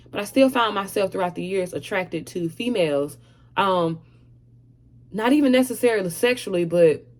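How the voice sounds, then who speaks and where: A woman's voice: medium pitch, darkish tone. A woman in her thirties speaking frankly and earnestly to camera about her own life, with frequent hesitant fillers. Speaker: vlogger sharing her story. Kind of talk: candid personal testimony to camera.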